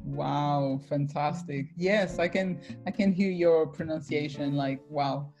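Slow-spoken, low-pitched woman podcast host. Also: a little mellow, faint music behind. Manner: upbeat, welcoming. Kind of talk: podcast interview.

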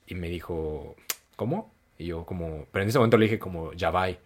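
A man from Mexico with a Mexican Spanish accent, chatting casually and telling stories with lively quoted voices. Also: brisk. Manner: animated storyteller, jumps to high acted voices for quotes; colloquial, many fillers. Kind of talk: casual chat.

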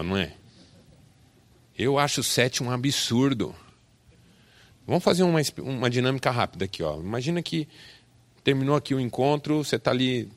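A male pastor preaching a sermon, telling stories and acting out scenes, building to loud bursts. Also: mid-range voice, no room sound.

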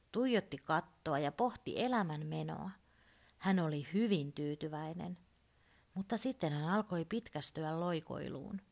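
Woman reading a children's story. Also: deep voice.

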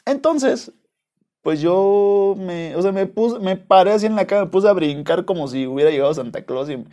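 Man, young adult, Mexican accent, podcast host, casual monologue, slangy, profane, rambling, slightly high voice. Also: expressive, normal speed, warm tone.

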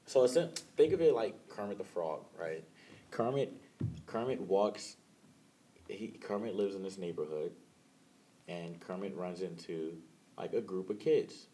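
A man's voice: sits low, unhurried, mellow, slight background noise. A young man in casual chat, rambling through a story with lots of "like" and acting out what people said. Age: young adult. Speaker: college student telling a story.

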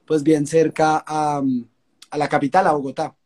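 A young Colombian man with a Colombian Spanish accent, a singer-songwriter chatting in an interview and telling relaxed stories. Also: fairly high pitch, normal speed, a little hiss or hum. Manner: relaxed, storytelling, uses fillers like pues. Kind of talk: casual interview chat.

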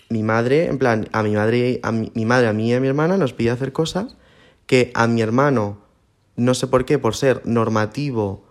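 A young man with a Spanish accent from Spain doing a campy, theatrical comedy monologue as a podcast host, swearing freely and rambling through asides. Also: mid-range voice.

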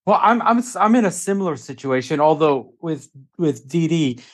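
A man hosting a podcast, chatting in a relaxed, friendly way with plenty of "you know"s. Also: a little high, normal speed. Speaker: podcast host. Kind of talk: casual podcast chat.

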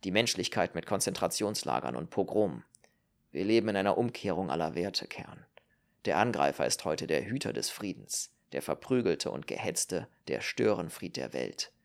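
A man's voice: deep voice, sing-song, moderate pace, gravelly, pitched below the performer's own voice, exaggerated voice. A man voicing a world-weary, cynical male politician with dry, sardonic remarks in an audiobook. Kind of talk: audiobook character reading.

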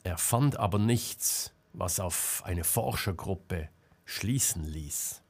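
A man reading an audiobook as narrator in a calm, measured way. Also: low voice, husky. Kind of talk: scripted narration.

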